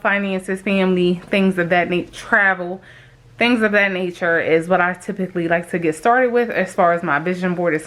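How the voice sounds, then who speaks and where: A woman's voice: on the low side, fairly bright tone. A woman vlogging in casual, rambling chat to viewers, her speech slightly lisped from the retainers she is wearing.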